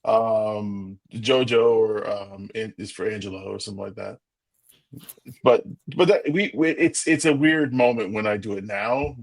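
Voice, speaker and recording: A man's voice: lowish voice, unhurried, vocal fry. A man co-hosting a podcast in a casual chat, blunt and teasing. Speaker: podcast co-host.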